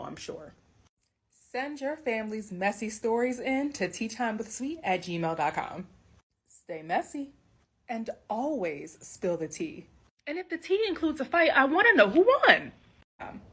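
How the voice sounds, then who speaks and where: An American woman hosting a gossipy storytime, talking in a sassy, conversational, slangy way with casual swearing. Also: mid-range voice. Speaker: host reading out listener-submitted family stories.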